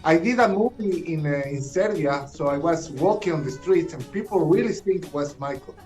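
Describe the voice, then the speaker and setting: Chilean man speaking halting English. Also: a little high, expressive, darkish tone, faint music behind, rough recording. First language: Spanish. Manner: halting, repeats words, asks "you understand?". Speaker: guest, [name] tribute performer. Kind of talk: interview over a call, in second-language English.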